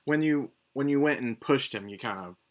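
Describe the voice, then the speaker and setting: A man's voice: medium pitch, fairly quick. A man narrating as game master of an online tabletop game, describing scenes unhurriedly with fillers.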